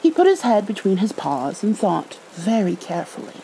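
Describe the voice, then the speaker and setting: A woman narrating a storybook in a gentle ASMR style, expressive and unhurried. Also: mid-range voice, gravelly, poor audio. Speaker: ASMR roleplayer reading a storybook. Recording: faint background noise.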